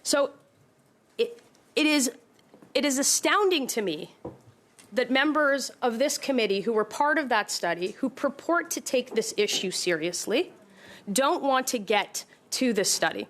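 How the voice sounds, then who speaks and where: A woman member of parliament arguing her point in a committee hearing, halting and repeating herself but insistent. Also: sits high, animated, a bit bright, a little hiss or hum. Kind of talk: committee debate.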